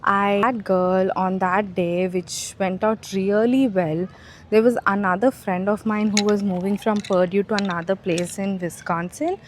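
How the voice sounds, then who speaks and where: A young woman with an Indian accent, chatting casually in a vlog, telling stories in an animated, self-mocking way. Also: medium pitch, measured pace, a little hiss or hum. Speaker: vlogger.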